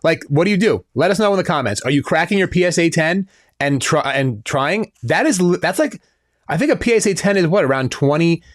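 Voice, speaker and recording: A man's voice: fairly high pitch, animated, a little fast, no echo, studio quality. A man co-hosting a casual podcast, talking loosely with lots of fillers and restarts. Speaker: podcast co-host.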